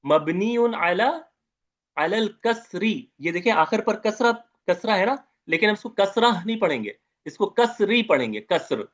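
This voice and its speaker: A man's voice: high voice, expressive, unhurried, a bit bright, dull audio. A man teaching an Arabic grammar lecture, repeating terms and asking his students questions as he goes.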